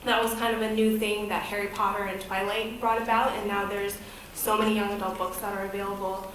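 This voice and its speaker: A woman's voice: mid-range voice, level tone, fairly quick, a bit bright, distant mic, a little hiss or hum. A woman in her thirties from the United States, giving a candid, conversational personal talk as a guest presenter at a podium. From United States, grew up in Boston. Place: event hall, speaking at a podium. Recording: very echoey hall.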